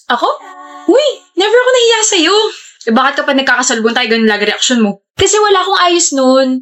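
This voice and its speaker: A woman performing scripted comedy-skit dialogue in a playful, excitable way, with sudden shouts. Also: on the high side.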